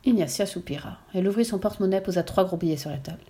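A woman reading a children's story aloud with lively, expressive narration. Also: on the low side, racing.

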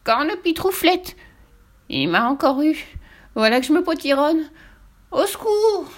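A woman voicing a vain, furious old witch in a children's storybook reading, with theatrical, shrill, drawn-out gloating. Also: expressive, close to an everyday voice. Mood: panicked.

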